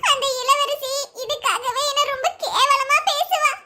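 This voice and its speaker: A woman's voice: very high-pitched, fairly even intonation, unhurried, pushed and bright, heavily acted. A woman voicing a tearful young village mother. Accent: Tirunelveli Tamil. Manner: weepy, pleading. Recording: noisy cartoon voice track.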